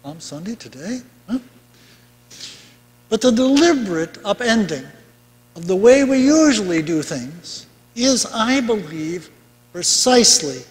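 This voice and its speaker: Older male pastor, higher-pitched, chatty preaching with bursts of emphasis, reverberant sanctuary. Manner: conversational preaching with asides and rising emphasis. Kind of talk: sermon. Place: large bright church sanctuary. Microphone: pulpit mic from far camera. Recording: long church reverb.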